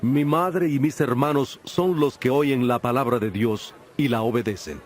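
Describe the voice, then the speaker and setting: An actor playing Jesus as a solemn, patient teacher with authority in a dramatized audio Bible, speaking in a measured, preaching delivery. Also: male voice, mid-range voice, natural voice. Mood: firm. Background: music.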